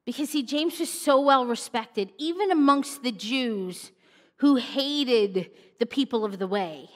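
A woman preaching a sermon, telling the story with animated expression and dropping to a hush for solemn points. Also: fairly high pitch, a little slow. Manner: animated storytelling, acts out mocking voices, drops to a hush for solemn moments. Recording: long reverb of a church hall.

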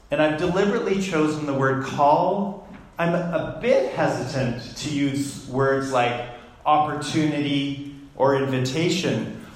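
A man preaching a sermon in a slow, deliberate way, pausing between words. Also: fairly high pitch. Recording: very echoey room.

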